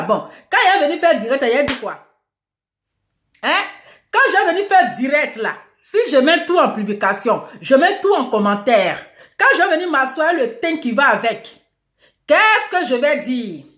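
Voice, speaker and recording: A woman vlogger talks in a high, lively voice that swings up and down, boastful and theatrical, full of repeated catchphrases. She sounds like she's in an echoey room. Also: normal speed. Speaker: online video host. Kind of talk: casual talking-head gossip vlog.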